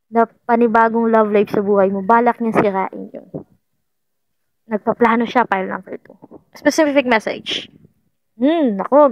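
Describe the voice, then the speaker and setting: A woman's voice: fairly high pitch, no room sound. Chatty woman reading tarot. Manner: chatty, playful, repeats herself, laughs often. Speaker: tarot card reader. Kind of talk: casual tarot reading to viewers.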